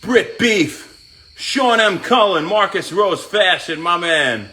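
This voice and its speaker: A man's voice: high voice, lively intonation, slow, sharp tone. A man hosting a casual live stream, reading out viewers' names one by one and greeting each as he works out. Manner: chats while working out.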